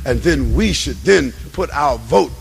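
A man giving an impassioned religious and political lecture in a raspy voice, with an emphatic, repetitive preacher's cadence. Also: mid-range voice, lively intonation, measured pace. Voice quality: raspy, gravelly. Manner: emphatic, repetitive preacher's cadence, swinging between hushed and shouted.

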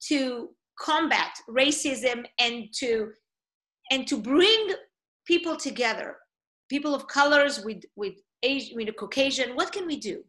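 Hosting a casual interview chat in a live online talk session over a video call, an Israeli woman speaks English as a non-native speaker with an Israeli accent. Her high, slightly bright voice has lively intonation and a slightly slow pace, and she comes across as enthusiastic, encouraging and emphatic.

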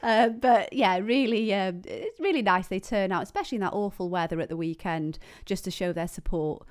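A woman, a running coach being interviewed on a podcast, speaking in a measured, informative way with frequent "um" fillers. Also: medium pitch.

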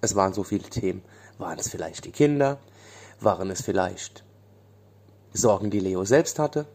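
Mellow male bedtime storyteller. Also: deep voice, lively intonation, moderate pace, creaky.

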